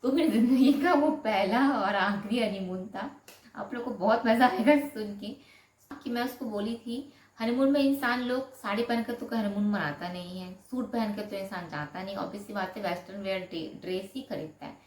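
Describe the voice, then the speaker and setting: Animated woman from Raipur telling her story. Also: mid-range voice, normal speed, a little hiss or hum. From Raipur, India. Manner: animated, dramatic storytelling that acts out quoted lines. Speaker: storyteller vlogger. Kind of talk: personal story told to camera. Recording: echoey room.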